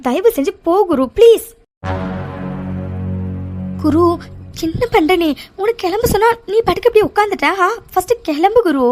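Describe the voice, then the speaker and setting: A woman's voice: very high voice, animated, moderate pace, pauses often, music in the background. A woman voicing an anxious young woman named Aara who keeps pleading and stumbles over her words. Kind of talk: cartoon voice acting.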